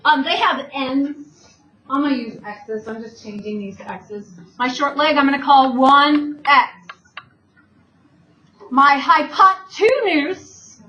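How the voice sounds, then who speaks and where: A woman with a high voice teaches math, going step by step and answering the questions she asks the class. She sounds far from the mic in a roomy space. The recording is dull, with a faint hiss behind her. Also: bright, forceful tone. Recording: distant, dull, echoey room with faint noise.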